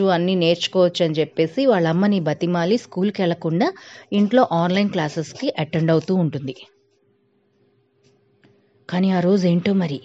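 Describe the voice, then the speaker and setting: A woman's voice: medium pitch, darkish tone. A woman narrating a spooky tale in a dramatic, suspenseful storytelling manner. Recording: dull lo-fi recording.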